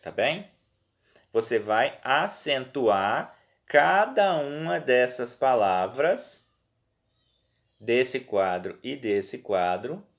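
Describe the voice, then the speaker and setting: A man with a Brazilian accent talks pupils through their worksheets, one exercise at a time. He sounds patient and reassuring, keeps checking that they are following, and his voice sits at an ordinary middle pitch. It is recorded on a phone indoors at home. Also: gravelly. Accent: Brazilian Portuguese. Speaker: teacher. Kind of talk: remote lesson walking through worksheets.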